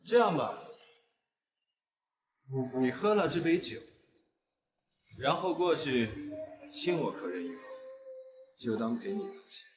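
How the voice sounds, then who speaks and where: Sleazy pushy businessman, drags his words, lively sing-song pitch, echoey room. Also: slow pace, long pauses, a little hiss or hum. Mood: bullying. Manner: leering, bossy. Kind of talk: TV drama acting.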